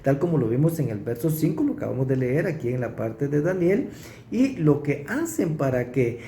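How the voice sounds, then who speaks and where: A man preaching, teaching through a Bible passage verse by verse and pausing to stress what he reads. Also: mid-range voice, big pitch swings, mellow, slight background noise. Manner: explanatory, pauses to stress verses. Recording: roomy echo.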